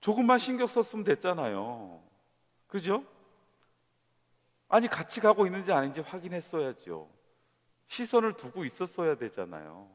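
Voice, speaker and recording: A man preaching a sermon to young adults, conversational and lively, with rhetorical questions and quoted voices. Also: sits high, normal speed, pauses often. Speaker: pastor. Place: church sanctuary. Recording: long church hall reverb.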